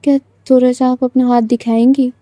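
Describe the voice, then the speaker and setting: Woman as timid tearful schoolgirl, whimpering, high voice. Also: flat delivery, fairly quick, mellow, no room sound, close to an everyday voice. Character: young female student, tearful and timid.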